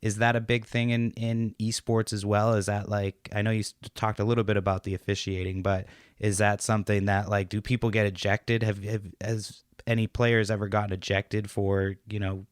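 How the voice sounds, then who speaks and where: A man hosting a podcast, asking long, halting questions full of fillers. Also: lowish voice, flat delivery, clean tone, no room sound, clean studio sound. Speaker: podcast host. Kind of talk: casual podcast interview.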